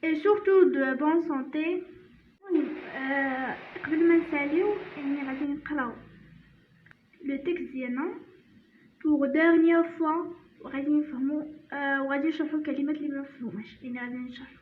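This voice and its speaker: Moroccan woman teacher reciting slowly. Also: high-pitched, fairly even intonation, slight background noise. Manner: slow, deliberate recitation with hesitant restarts. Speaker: language teacher. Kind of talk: recited poem reading and explanation. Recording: tinny phone-like sound in an echoey room.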